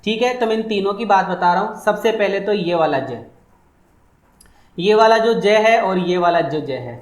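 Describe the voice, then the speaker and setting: A man's voice: high voice, normal speed. Echoey male teacher quizzing students. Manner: repetitive, rhetorical questions answered for students. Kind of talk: online exam-prep phonetics lesson.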